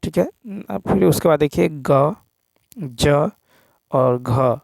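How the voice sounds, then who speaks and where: A man teaching an exam practice lesson, reading out questions and answers and repeating each key point slowly. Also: fairly high pitch, vocal fry, darkish tone, no room sound.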